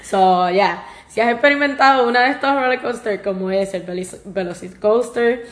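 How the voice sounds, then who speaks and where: A woman's voice: medium pitch, moderate pace. A woman in her twenties with a Puerto Rican accent, co-hosting a podcast in casual chat, laughing often and slipping English words into her talk. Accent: Puerto Rican Spanish. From Puerto Rico. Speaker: podcast co-host. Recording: roomy echo.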